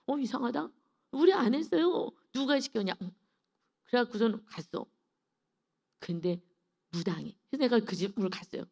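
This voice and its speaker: A woman's voice: mid-range voice, mellow. A woman pastor giving an early-morning devotional sermon, telling a personal story with feeling and voicing her own inner thoughts.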